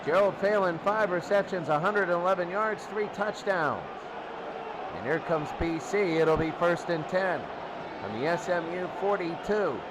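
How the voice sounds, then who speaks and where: This football radio commentator is a man whose voice sits high, with lively intonation and an unhurried delivery of short, clipped phrases. The live broadcast is noisy, filled with loud noise from a roaring stadium crowd.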